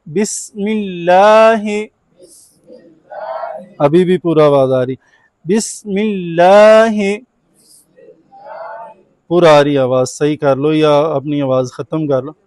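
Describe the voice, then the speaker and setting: A man teaching Quran recitation in an online class, firmly correcting students and drawing out the recited words slowly. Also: a little high, steady tone, a little mellow, dry recording.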